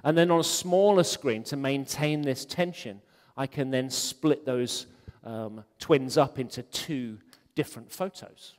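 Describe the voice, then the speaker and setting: A man gives a conference talk on web design in a conference hall, chatty and joking, with lots of ums. His voice is medium-pitched and unhurried. Long hall reverb is on the recording.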